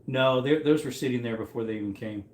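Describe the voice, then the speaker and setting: Man, mid-30s, casual stream host, mid-pitched, rambling chatter, echoey room. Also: fast talker, slight background noise. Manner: rambling, reacts to chat as he goes. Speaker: livestream host running trivia. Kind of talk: casual livestream chat.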